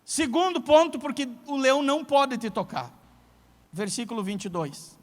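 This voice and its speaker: A male preacher, preaching a sermon in a lively storytelling way and speaking straight to the congregation. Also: extremely high pitch, moderate pace. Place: church. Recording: long church hall reverb.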